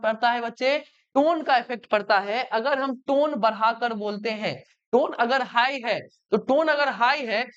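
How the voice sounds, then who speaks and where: A man's voice: very high-pitched, a bit bright, smooth. Male grammar teacher, keeps checking understanding, dull lo-fi recording. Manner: keeps asking the class questions and checking understanding. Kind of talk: online grammar lesson.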